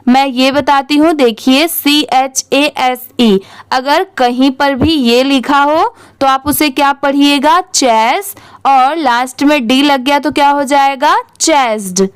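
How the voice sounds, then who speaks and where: A woman's voice: high-pitched, slow, no echo. A young Indian woman teaching English reading, spelling words letter by letter and questioning the viewer. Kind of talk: slow spelling-out lesson.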